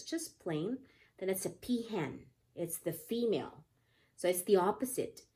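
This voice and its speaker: A woman gives young children an interactive picture-book read-aloud lesson, keeping explanations simple and often asking them questions. Her voice is a little low with a darkish tone, and her pace is very slow.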